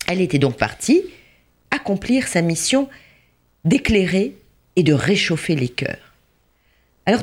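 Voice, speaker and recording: A storyteller narrating a tale with expressive, lively delivery. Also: mid-range voice, husky.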